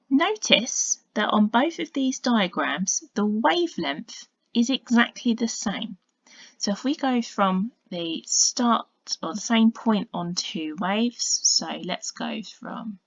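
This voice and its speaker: A science teacher gives a recorded video lesson, patient and explanatory, slipping into quiet muttered asides while drawing on diagrams. Her pitch is ordinary for a woman, and the audio is dry, dull, slightly lo-fi, with no echo.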